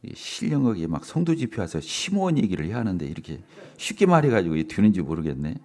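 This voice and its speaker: A middle-aged male pastor giving a sermon in a church, animated, asking the congregation questions and laughing often. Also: low voice, quick pace. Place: church sanctuary.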